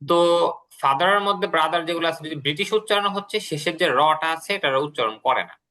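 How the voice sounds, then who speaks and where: Bright-voiced teacher explaining patiently. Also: male voice, fairly high pitch, fast. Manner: explains patiently, repeating words and translations. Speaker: English teacher. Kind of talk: classroom lesson.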